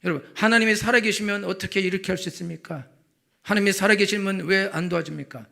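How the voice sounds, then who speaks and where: A man preaching a Sunday sermon as senior pastor, firing rhetorical questions and building to loud passages. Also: high voice, fast, gravelly. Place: church sanctuary.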